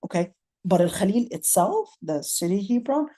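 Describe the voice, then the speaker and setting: In a warm, mid-range voice with big pitch swings and normal speed, a middle-aged woman from Palestine delivers a classroom lecture on Quran commentary. She breaks things down step by step and keeps checking in with "okay?".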